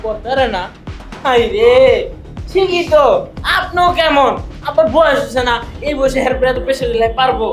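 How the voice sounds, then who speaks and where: A woman playing a quick, argumentative young in-law in a comedy short film. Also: high-pitched, faint music behind, lightly acted. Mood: arguing. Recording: echoey room.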